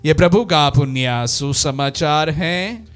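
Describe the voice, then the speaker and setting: A male priest reading the gospel at Mass and preaching in a slow, measured way. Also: fairly high pitch, a bit bright, faint music behind. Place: church.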